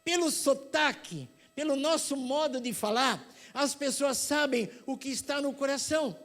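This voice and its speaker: A middle-aged man with a São Paulo accent preaching a sermon, telling lively stories and acting out other people's voices. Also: extremely high pitch, a little slow. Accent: paulista. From São Paulo, Brazil. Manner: animated storytelling, acts out voices.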